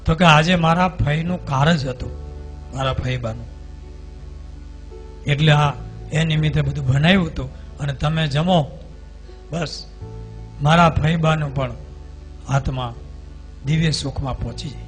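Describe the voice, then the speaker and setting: Gujarati swami telling a devotional story. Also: male voice, on the high side, a little slow, long pauses, soft background music. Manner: animated storytelling, acting out dialogue. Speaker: swami preacher.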